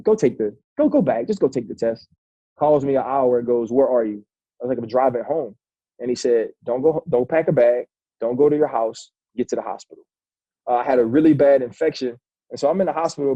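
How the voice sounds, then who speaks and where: Mellow and slightly rough at medium pitch, this man in his forties, once a football player, relates a long personal story in a relaxed interview. He talks loosely with plenty of restarts and addresses the host as "bro." The recording is dry with the highs cut off.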